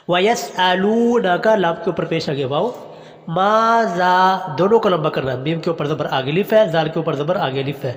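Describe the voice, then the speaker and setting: A man teaching Quran reading to adults, reciting each phrase slowly and drawn out, then explaining the letters plainly. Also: on the high side, in a large hall. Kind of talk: slow recitation lesson with explanations.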